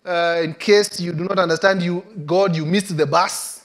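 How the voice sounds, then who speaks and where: A man's voice: high-pitched, steady tone, moderate pace. A man voicing an elderly woman who scoffs and laughs at a promise, preaching on a church stage. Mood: scoffing. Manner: incredulous, mocking, laughing.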